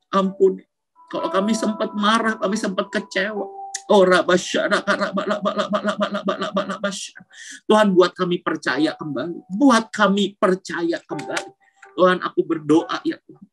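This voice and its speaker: A man's voice: high-pitched, fairly even intonation, normal speed, fairly bright tone, soft background music, low-quality recording. A man, a youth pastor preaching casually with slang and praying aloud in tongues while calling out names. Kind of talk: youth sermon and prayer in tongues.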